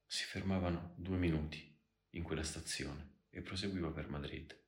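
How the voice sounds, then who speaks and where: Very deep-voiced male narrator. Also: fairly even intonation, normal speed, reverberant. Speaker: audiobook narrator. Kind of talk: literary reading.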